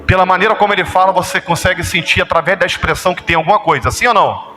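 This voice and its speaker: Brazilian pastor, sermon, high, lively delivery, echoey hall with music. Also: male voice, racing. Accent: Brazilian Portuguese. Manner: animated, asks congregation frequent rhetorical questions. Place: church hall.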